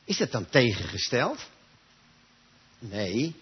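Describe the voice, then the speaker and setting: A man's voice: medium pitch, sing-song, slow, slightly rough. A man preaching a sermon in a church gathering, talking emphatically and straight to his listeners. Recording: dull lo-fi recording.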